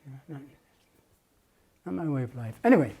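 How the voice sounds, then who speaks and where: A man's voice: mid-range voice, big pitch swings, fairly quick, mellow, husky. An older man from Jamaica, a muralist, recalling his past at length in an oral history interview, with many restarts and fillers.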